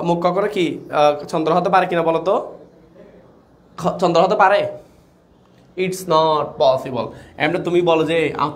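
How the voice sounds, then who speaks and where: A young man teaching a live online grammar class, quick and chatty, repeating questions to his students. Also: on the high side. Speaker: online tutor.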